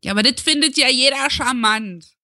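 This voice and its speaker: A woman from Saarland, co-hosting a podcast and chatting casually with dry, relaxed storytelling. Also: high voice, moderate pace, no echo. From Saarland, Germany. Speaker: podcast co-host. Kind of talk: casual chat.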